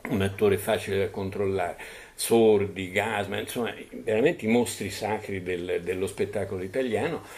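Male panelist, lowish voice, loose anecdotal delivery with lots of "eh" and "no?". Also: creaky, darkish tone. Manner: digressive, many fillers and tag questions. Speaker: panelist at a book presentation. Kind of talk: anecdotal public talk. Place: bookshop event room.

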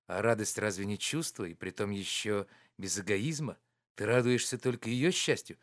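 Steady, practical male friend, lower voice, measured, as a male reader puts him on. Audiobook figure. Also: close to an everyday voice. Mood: warm.

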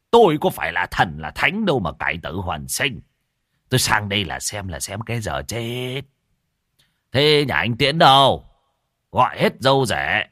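A man voicing a gruff, greedy old village shaman who scolds and curses as he orders people around. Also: mid-range voice, fairly bright tone, dry recording, clean studio sound, voice pushed up. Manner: bossy, scolding, curses freely.

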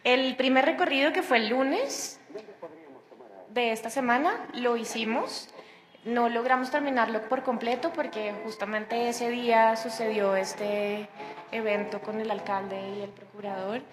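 A woman's voice: on the high side, a little slow, echoey room, slight background noise. A woman chatting casually on a radio program about a sound project, with many restarts. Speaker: guest, sound project organizer.

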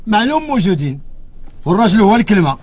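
Moroccan shopkeeper, evasive, high lively male voice; film role. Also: rapid-fire, breathy edge, full character voice. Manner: evasive, proverb-quoting. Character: secretive male shopkeeper, stubborn and cagey. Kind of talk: film dialogue.

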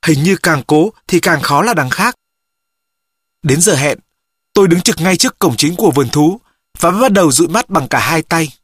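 A narrator reading a novel aloud in steady first-person storytelling. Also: medium pitch, moderate pace, breathy edge, dry recording, studio quality. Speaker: audiobook narrator. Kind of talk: scripted audiobook narration.

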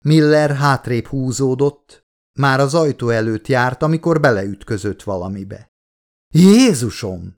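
A man narrating an audiobook in a measured, steady way. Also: mid-range voice. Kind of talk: scripted narration.

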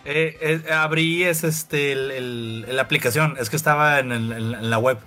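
A man's voice: medium pitch, steady tone, measured pace, bright, forceful tone, soft background music. A man with a Mexican Spanish accent chatting casually on a podcast call, rambling with slang and stammered restarts. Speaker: podcast co-host. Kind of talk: casual chat.

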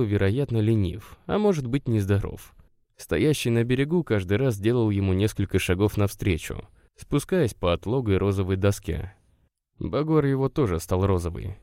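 Man, audiobook narrator, measured expressive reading, low-ish pitch, dry close recording. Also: dry recording.

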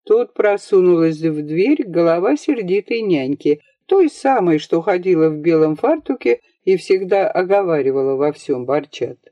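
A woman reads a novel aloud with expressive, lively storytelling. Her voice is mellow and moves up and down a lot. The audiobook recording is dry and dull. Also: on the low side, moderate pace, hardly any pauses, dry recording. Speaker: audiobook narrator. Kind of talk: scripted narration of a novel.

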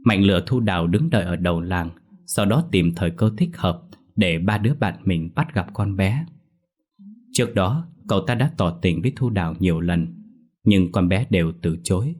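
A man narrating a scripted horror story in a steady, measured storyteller's delivery. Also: deep voice.

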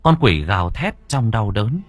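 A man narrating a horror story in a dramatic, expressive way. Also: on the low side, normal speed, faint music behind. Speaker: audiobook narrator.

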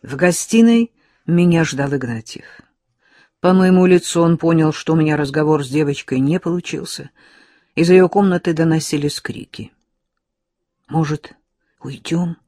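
A woman reading a first-person audiobook in an even, measured storytelling manner. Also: low-pitched, no echo, clean studio sound. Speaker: audiobook narrator.

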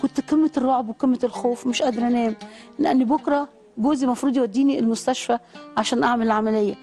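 Fast-talking Egyptian woman giving testimony. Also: on the high side, steady tone, dark tone, faint music behind. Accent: Egyptian Arabic. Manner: fervent, prayerful storytelling. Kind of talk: emotional personal testimony.

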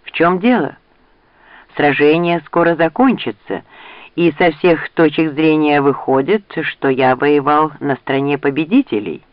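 A man reading a bold young knight who gives orders and mocks his foes. The voice sits fairly high with a dry, close sound. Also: a little slow, no room sound, muffled recording, natural voice. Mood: mocking. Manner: commanding, mocking.

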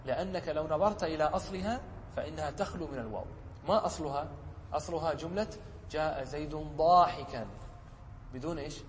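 A man, a sheikh teaching a lesson, who explains a poem, often checks whether his students follow, and slows down to quote examples. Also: on the high side, darkish tone, in a large hall, slight background noise. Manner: asks the class short checking questions. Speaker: sheikh teaching Arabic rhetoric.

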